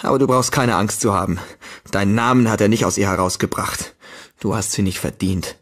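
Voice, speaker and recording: A man's voice: fairly low pitch, brisk, fairly bright tone, pitched below the performer's own voice. A man voicing a hostile young man who speaks in cold, curt, menacing lines. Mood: cold menace.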